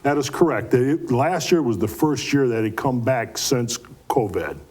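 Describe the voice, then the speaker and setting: Man, mellow warm tone, mid-range pitch, folksy, earnest, conversational interview answers, community organizer. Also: animated, measured pace, husky.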